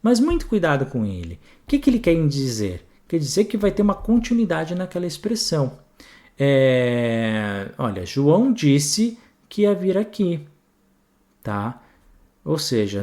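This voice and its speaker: A man teaches grammar for an upcoming exam, his Brazilian Portuguese accent clear and his voice fairly high. He keeps things chatty and energetic, often pausing to check on his students.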